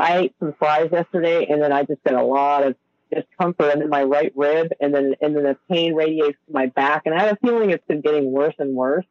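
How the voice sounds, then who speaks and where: A man calling in to a radio show, heard over the phone, rambling and halting with many fillers. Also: a little high, dry recording. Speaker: caller. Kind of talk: call-in radio chat. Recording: muffled phone-line call.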